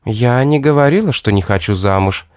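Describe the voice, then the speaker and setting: A man's voice: medium pitch, moderate pace, darkish tone, no room sound, clean studio sound, close to an everyday voice. A man voicing a sly, predatory young woman who is part beast, purring and mocking in a storybook reading. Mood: haughty.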